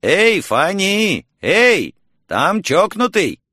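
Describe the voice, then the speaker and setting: A man voicing a loud, cheerful older Spanish-speaking landlady who shouts across a courtyard. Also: fairly high pitch, big pitch swings, slow, no echo, clean studio sound, pitched above the performer's own voice, heavily acted. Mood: shouting cheerfully.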